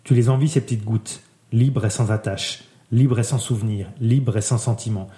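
A man reading a literary text aloud in a soft, measured way, letting his voice drop quieter at the ends of phrases. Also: mid-range voice. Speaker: reader. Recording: roomy echo.

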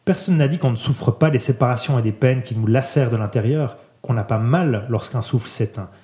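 A man reading a literary text aloud in a soft, measured way, letting his voice drop quieter at the ends of phrases. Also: medium pitch. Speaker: reader. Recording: roomy echo.

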